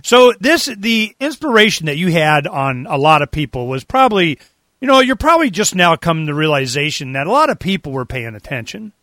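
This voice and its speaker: A man hosting an interview in a casual, opinionated way, animated and given to acting things out. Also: on the high side, brisk, dry recording. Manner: animated, acts out imagined quotes. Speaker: interview host.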